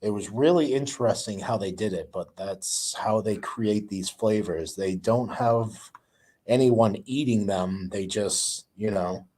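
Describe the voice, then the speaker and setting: Man, casual live chat host, low voice, slow unhurried delivery, rambling with groans and fillers. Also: mellow.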